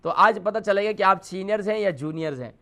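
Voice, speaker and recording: High-voiced man teaching letter sounds. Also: pushed and bright. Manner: patient, repetitive explaining, demonstrates sounds. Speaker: host teaching letter pronunciation. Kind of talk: televised call-in lesson.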